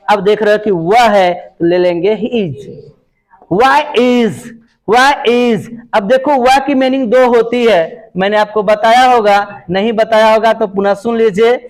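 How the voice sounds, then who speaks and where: A man teaching English grammar in Hindi. He asks questions and answers them himself, and he says each English example sentence slowly. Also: sits high, low-quality recording. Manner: slow, drawn-out reading of English example sentences. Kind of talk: Hindi classroom-style grammar lesson.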